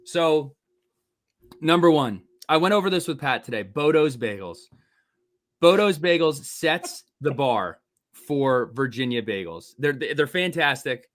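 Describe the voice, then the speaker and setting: A man's voice: a little high, expressive, unhurried, a bit bright. A man from New Jersey hosting a sports podcast, chatting casually with rambling, teasing rivalry jokes. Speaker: podcast host.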